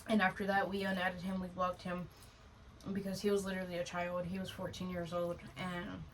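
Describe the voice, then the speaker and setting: A lowish, completely flat voice belongs to a podcast co-host in her twenties who moves fairly quickly through casual, blunt, slangy chat peppered with "dude" and "bro." The recording comes from a distant mic with faint noise.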